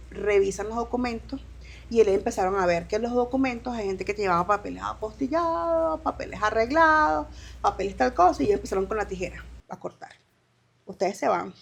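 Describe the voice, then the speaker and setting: A woman from Venezuela, in her thirties, telling her migration story as an interview guest in halting speech with restarts and quoted dialogue. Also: mid-range voice, gravelly, slightly rough. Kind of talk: emotional personal testimony.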